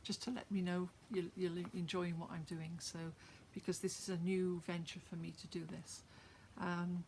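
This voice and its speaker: Low, flat and darkish, the woman's voice keeps a moderate pace against a little hiss or hum. Originally from Wales and speaking with a Welsh accent, she is a poet who chats with her viewers, full of fillers, and then performs her own rhymed poem.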